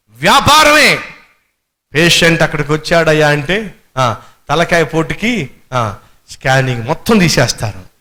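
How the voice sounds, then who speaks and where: Telugu accent preacher guy, high voice swinging all over, fired up, asking the crowd stuff. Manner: animated preaching with rhetorical questions and acted quotes. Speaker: pastor. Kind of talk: sermon.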